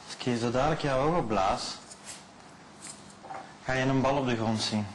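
Man hypnotizing, slow and soothing. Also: medium pitch, background noise. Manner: slow soothing repetitive suggestions, often hushed. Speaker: stage hypnotist. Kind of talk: hypnosis show patter.

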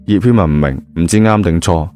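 Telling a story colloquially in Hong Kong Cantonese-accented speech, this man reads audio-novel narration at a fairly quick clip. His low voice has a darkish tone, with faint music in the background.

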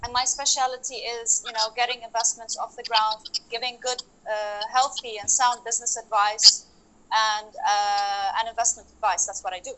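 Polite woman with a bright, high voice. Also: flat delivery, moderate pace, poor audio. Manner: polite, with hesitant restarts. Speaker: investment advisor introducing herself. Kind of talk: video call introduction. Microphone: laptop mic on a video call.

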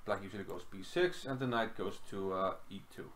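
Middle-aged man from Iceland, low voice, relaxed home-desk chess commentary with many fillers. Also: a little fast, a little hiss or hum. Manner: relaxed, thinking aloud with frequent fillers. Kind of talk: casual chess game analysis. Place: small room at home.

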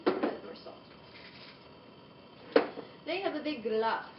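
A young woman talks her way through a recipe with a fairly high, chatty voice, tossing out playful asides while she works. She stands back from a camera across a roomy kitchen, so she sounds distant and echoey. The dull home video audio carries a clear hiss underneath. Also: lively intonation, takes it slowly. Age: young adult. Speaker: home cooking vlogger. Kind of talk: casual cooking demonstration. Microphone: camera across the room.

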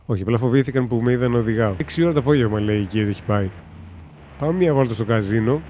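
A man's voice: mid-range voice, warm tone, slight background noise. A man giving casual let's-play commentary in a joking, sarcastic way with mild swearing. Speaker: gaming commentator.

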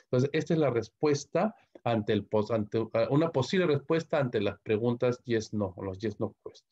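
A man's voice: medium pitch, animated, normal speed, mellow, slightly rough. A man from Peru with a Peruvian Spanish accent, teaching English grammar in a recorded online lecture and stopping often to ask "¿ok?". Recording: muffled lo-fi audio.

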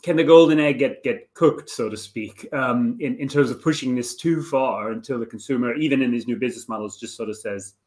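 A man hosts an interview and asks long, reflective questions. He pauses and restarts now and then as he frames his thoughts. His voice is middle-pitched. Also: darkish tone. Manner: measured and reflective, with hesitant restarts.

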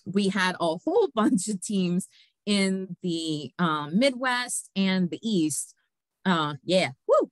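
A woman's voice: mid-range voice, expressive, slow, no echo. A woman hosts an online show and walks through the competition results in a loose, chatty way. She uses plenty of fillers and laughs often. The sound is dry and close, with almost no room around it. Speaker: host. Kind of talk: casual presentation of competition results.

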